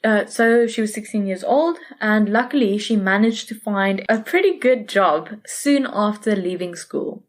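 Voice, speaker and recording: A woman's voice: mid-range voice, measured pace, few pauses. A woman casually recounting a true case on a podcast, chatty and self-correcting, laughing easily. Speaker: podcast co-host presenting a case. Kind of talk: casual conversational storytelling.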